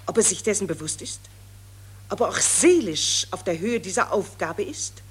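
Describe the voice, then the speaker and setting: In a radio play, an actress voices a pushy, gushing female war reporter who presses a soldier with insistent questions. Her breathy voice is medium-pitched and expressive, at a normal speed.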